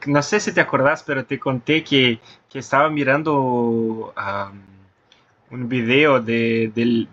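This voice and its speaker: A man's voice: mid-range voice, fairly bright tone, highs cut off. A man hosting a casual conversation, hesitant, searching for words with many restarts. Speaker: host.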